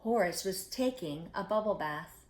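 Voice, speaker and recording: A woman storyteller reading a fairy tale to children in expressive storybook narration, as in a fairy tale opening, with friendly asides to the listeners. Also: fairly low pitch, a little slow. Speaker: storyteller, children's read-aloud host. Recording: echoey room.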